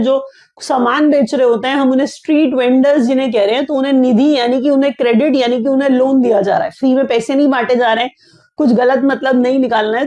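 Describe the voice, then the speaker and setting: A woman's voice: high voice, mellow. A woman teaching an exam-prep lesson in a conversational way, restating each point and asking the listener questions. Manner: explains by repeating and restating, asks the listener questions.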